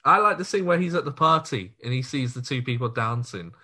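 A man's voice: medium pitch, lively intonation, a little fast, pushed and bright, husky. A man co-hosting a podcast, chatting casually and enthusiastically, laughing easily. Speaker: podcast co-host. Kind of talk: casual chat.

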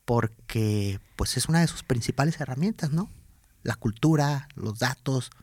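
A man hosting an interview, telling stories in a measured way with frequent tag questions. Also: mid-range voice, expressive, a little mellow, no room sound. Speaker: podcast host, former TV teacher. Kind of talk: conversational interview.

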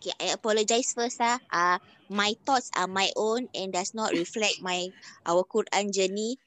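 A woman's voice: medium pitch, moderate pace, a bit bright, no echo. A woman with a Singaporean accent in casual Singlish conversation, playful and self-deprecating as she talks.

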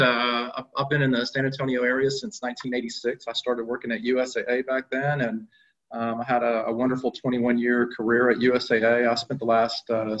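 A man's voice: mid-range voice, a bit bright, highs cut off. A middle-aged man answering interview questions as a guest, talking conversationally with frequent fillers and restarts. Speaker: guest, company executive.

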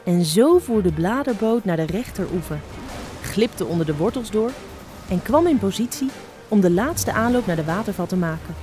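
A woman tells a children's fable in a lively, expressive storybook voice at a middle pitch. Soft music plays faintly behind her narration. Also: normal speed.

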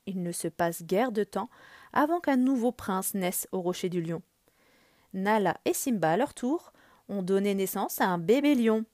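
A woman narrating a children's storybook in an expressive, animated read-aloud. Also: mid-range voice, measured pace, dry recording, clean studio sound.

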